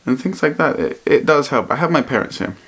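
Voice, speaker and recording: A man vlogging in a reflective, personal way, speaking earnestly and haltingly and often repeating his phrases. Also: mid-range voice, lively intonation, a bit bright, husky. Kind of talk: personal vlog to camera, reflective talk.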